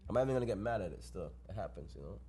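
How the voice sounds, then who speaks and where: A man's voice: lowish voice, animated, very fast, warm tone, husky. A man co-hosting a casual chat podcast, laid-back and telling stories, dropping "you know what I'm saying" often. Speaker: podcast co-host.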